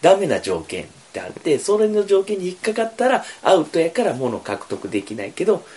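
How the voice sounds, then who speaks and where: A man's voice: on the high side, huge pitch swings, brisk, a little mellow. A man with a Kansai Japanese accent in a casual round-table podcast chat. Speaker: podcast panelist.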